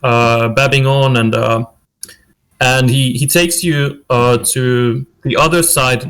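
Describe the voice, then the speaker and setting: Slow guy narrating a tabletop scene, keeps restarting his words. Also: mid-range voice, fairly bright tone, smooth. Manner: halting, repeats words. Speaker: player. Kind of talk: tabletop role-play narration.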